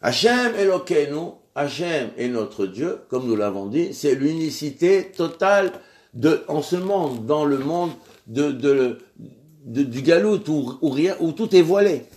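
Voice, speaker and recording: Measured, halting male religious teacher. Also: fairly high pitch, animated, darkish tone. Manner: measured, halting, with many restarts and pauses. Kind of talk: religious lesson.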